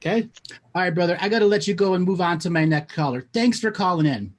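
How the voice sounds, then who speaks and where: A man hosts a call-in show and coaches his callers in a blunt, plain-spoken way. His voice sits a little high for a man. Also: quick pace. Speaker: host giving spiritual readings.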